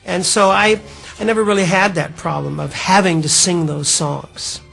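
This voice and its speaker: A man's voice: high-pitched, fairly even intonation, normal speed, gravelly, a bit bright, soft background music. A man casually reminiscing in an interview, chatty and wry.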